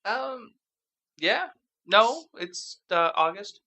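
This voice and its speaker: Bright, animated podcast co-host man. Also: sits high, drawn-out words, creaky. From Canada. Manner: animated, swearing, jokey. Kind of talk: casual chat.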